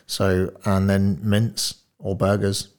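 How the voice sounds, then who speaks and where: A man's voice: deep voice, flat delivery, takes it slowly, a little mellow. A man in his late thirties, a diet coach guesting on a podcast, telling his story in a laid-back way, laughing often and swearing casually. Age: 30s.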